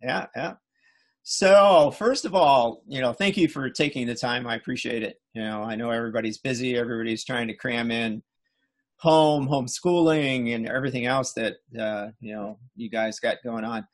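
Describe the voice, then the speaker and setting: A man's voice: medium pitch, fairly even intonation, moderate pace. A middle-aged man hosting an interview, friendly and chatty, full of agreeing "yeah"s. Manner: affable, lots of agreeing fillers. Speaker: podcast host. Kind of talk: casual interview chat.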